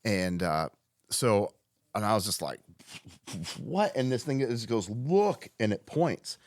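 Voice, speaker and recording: A man with a fairly low voice tells a story as a podcast guest. His delivery is loose and profane, full of false starts and restarts. The sound is close and dry. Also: animated, moderate pace, no echo. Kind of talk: casual storytelling chat.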